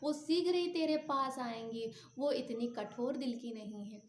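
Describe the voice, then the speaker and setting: A younger goddess, as a woman narrator plays her, chiding gently in a high voice, heard in an echoey room. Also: measured pace, a little hiss or hum. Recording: roomy echo.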